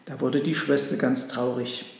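Guy reading a storybook gently, big echoey room. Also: mid-range voice, steady tone, normal speed. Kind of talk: storybook narration. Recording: echoey hall.

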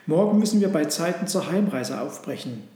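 Stately commanding noble traveller, played by a man, measured and formal, roomy echo. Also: fairly high pitch, lively intonation, warm tone, natural voice.

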